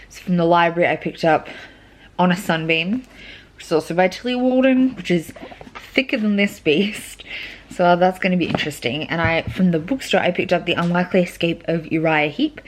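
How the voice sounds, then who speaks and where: A young woman chats to the camera from her bed in a relaxed reading-update vlog. Her pitch sits in the middle but jumps brightly when she gets excited, and she wanders between thoughts with plenty of "um"s. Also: low-quality recording. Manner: chatty and rambling, with frequent "um"s and sudden lively pitch jumps. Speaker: book vlogger. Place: at home, in bed.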